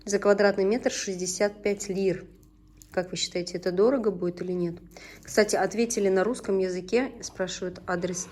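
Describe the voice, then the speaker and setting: A Tatar-speaking woman in her thirties from Tatarstan chats casually in a home vlog, cooking in her kitchen and guiding her children. Her mid-range voice is a little mellow, with fairly even intonation at normal speed, and her homely talk often breaks off to instruct the kids.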